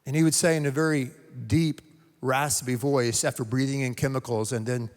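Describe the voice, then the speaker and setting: A man from North Carolina, a pastor delivering a sermon with emphatic, repetitive phrasing and dramatic pauses. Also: medium pitch, fairly even intonation. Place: church sanctuary. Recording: long reverb of a church sanctuary.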